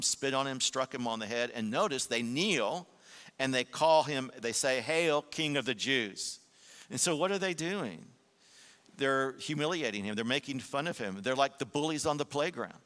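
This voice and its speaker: A man preaching a sermon as a pastor, swinging between hushed, slow passages and emphatic, raised ones. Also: medium pitch. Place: church sanctuary. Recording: long hall reverb.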